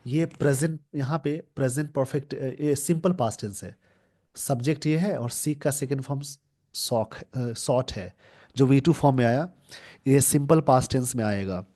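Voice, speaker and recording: A male English teacher with a warm, medium-pitched voice covers a newspaper editorial for exam preparation. He reads slowly, explains each sentence word by word, and tells viewers what they need to note down and remember.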